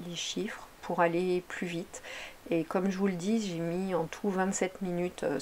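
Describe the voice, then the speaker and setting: A woman's voice: lowish voice, a little mellow, a little hiss or hum. A woman talking casually over her craft video, chatty and meandering, often correcting herself mid-sentence. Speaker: craft vlogger.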